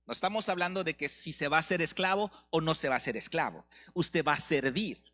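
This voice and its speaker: A middle-aged man with a Mexican Spanish accent preaching a sermon, asking rhetorical questions and slowing down for emphasis. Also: a little high, sharp tone. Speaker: pastor.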